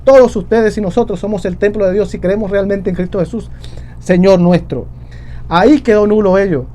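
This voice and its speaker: A man's voice: high voice, fairly even intonation, normal speed, mellow. A man preaching a sermon, addressing the congregation as brothers and repeating key phrases for emphasis. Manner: preaching with repetition, addressing "hermanos".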